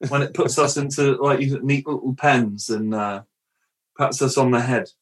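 A man's voice: medium pitch, level tone, normal speed. A man hosting a podcast in casual conversation, chatty and jokey, wandering into rambling asides and laughing often. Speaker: podcast host.

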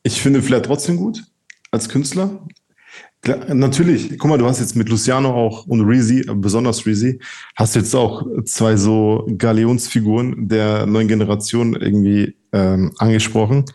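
Easygoing podcast co-host, dark tone. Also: male voice, on the low side, normal speed. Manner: easygoing, agreeable, defending with fillers. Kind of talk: casual rap podcast chat.

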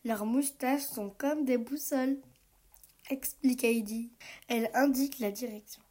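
A woman reading a children's picture book aloud, telling the story slowly and gently. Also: a little high, fairly even intonation.

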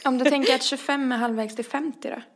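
A woman's voice: sits high, steady tone. A woman co-hosting a podcast in casual chat, teasing and giggling as she jokes around. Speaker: podcast co-host.

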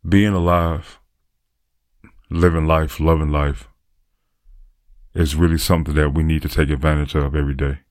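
A man's voice: rumbling low, level tone, moderate pace, pauses often, a little mellow, no echo, clean studio sound. A man talking through a reflective, earnest podcast monologue, repeating phrases for emphasis. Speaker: podcaster and aspiring motivational speaker.

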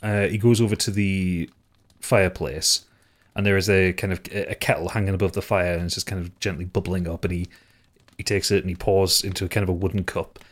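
A man's voice: low voice, fairly even intonation, a little fast. A man narrating as game master of a tabletop game, loose and full of fillers and restarts.

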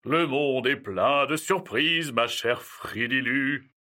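A man playing a jolly, carefree old Father Christmas in an audio story, calm and reassuring. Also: medium pitch, slow. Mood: jovial.

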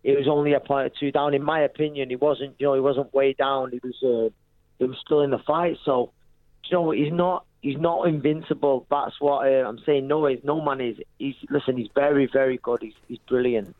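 A man's voice: mid-range voice, fairly even intonation, fairly quick, no room sound. A man with a Manchester accent, a boxer giving a casual, matey radio interview over the phone. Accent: Manchester, English. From Manchester, England. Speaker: professional boxer being interviewed. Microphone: phone call. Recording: narrow, tinny phone line.

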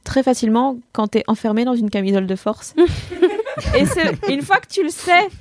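A woman comedian from Belgium chatting casually on a podcast, animated, laughing and swearing freely. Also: high voice, moderate pace. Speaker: comedian guest.

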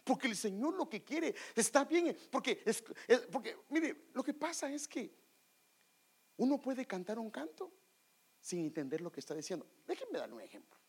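An animated preacher teaching a congregation about worship, with a husky, slightly breathy voice. The pitch swings widely as the speaker presses rhetorical questions on the listeners. Now and then short snatches of worship songs slip into the talk. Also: moderate pace.

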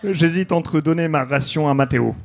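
A man telling a deadpan, mock-noir detective story live on a comedy club stage. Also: a little high, moderate pace, creaky, slight background noise. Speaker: comedy podcast host.

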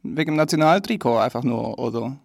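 A man's voice: mid-range voice, fast, gravelly, darkish tone, no echo. Dry-sounding young Swiss German man. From Switzerland. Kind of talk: casual chat.

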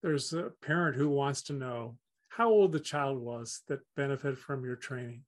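A man's voice: medium pitch, moderate pace. A man hosting an interview, asking brief, plain questions.

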